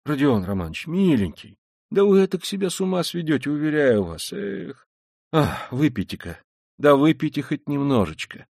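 A man's voice: on the high side, sing-song, normal speed, a little mellow, dry recording, studio quality, pitched above the performer's own voice. A man reading an audiobook, voicing a fussy, cunning middle-aged male investigator who talks in an ingratiating, sly way. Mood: fussing. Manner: ingratiating, sly, with old-fashioned deferential endings.

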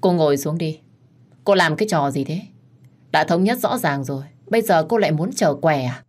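A woman's voice: low-pitched, animated, moderate pace, a little mellow. A woman voicing a stern, impatient husband who lays down terms curtly in a told story. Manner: firm, curt, impatient.

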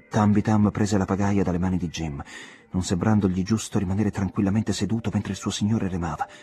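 A man reading a novel aloud as an audiobook narrator, measured and expressive. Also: low voice. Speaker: audiobook reader.

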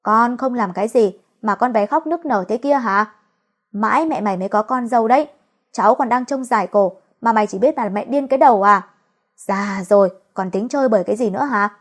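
A woman's voice: on the high side, brisk, natural voice. Woman reading as a scolding old mother. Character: scolding older mother-in-law, fierce and doting.

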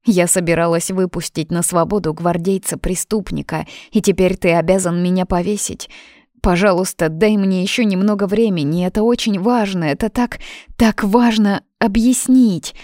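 A woman's voice: on the low side, steady tone, moderate pace, a little mellow, no echo, studio quality, pitched above the performer's own voice, lightly acted. A woman reading aloud voices a pale, fragile young witch who pleads in a breathless, urgent way. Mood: pleading.

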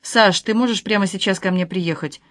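An audiobook reader voicing a frightened elderly woman who pleads in a hushed, shaky voice. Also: mid-range voice, moderate pace, dry recording, close to an everyday voice. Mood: pleading. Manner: hushed, trembling pleas.

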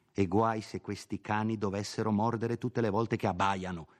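A man voicing a sharp-tongued, bossy middle-aged housekeeper in an audiobook, scolding and insistent. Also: on the low side, voice pushed up. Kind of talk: audiobook character voice.

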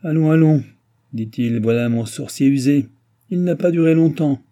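A man doing a gruff mocking old baron. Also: a little high, normal speed, dark tone, pitched above the performer's own voice, natural voice. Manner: grumbling, mocking.

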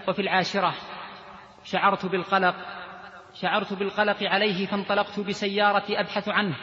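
A high-pitched male preacher speaks with a fairly flat, steady delivery as he tells a story of repentance. His voice rings through a large, reverberant hall. The recording is dull and lo-fi. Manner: emotive, retelling a repentance story in first person. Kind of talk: sermon storytelling. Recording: echoey hall, dull lo-fi sound.

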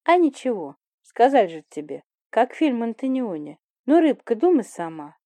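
A woman reads a breezy younger sister who needles her older sibling. The tone is mellow and dark, the delivery offhand and mocking, a little brighter than the narration around it. The recording is dry and close. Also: fairly high pitch, sing-song, moderate pace, no echo. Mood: teasing.

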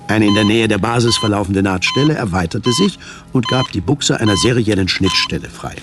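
Against a noisy background, a man with a fairly low voice narrates a scripted radio drama, telling the story in a measured, literary style.

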